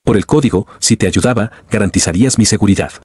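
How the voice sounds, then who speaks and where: Cowardly dwarf smith, low husky voice, begging read by a man. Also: fast talker, a little mellow, no room sound, clean studio sound. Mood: pleading. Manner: trembling, begging. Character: cowardly dwarf blacksmith hero, male, pleading.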